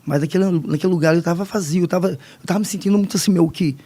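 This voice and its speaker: A man, telling his personal testimony as a podcast guest in halting, emotional speech with many restarts. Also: high voice, mellow. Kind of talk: personal testimony in casual conversation.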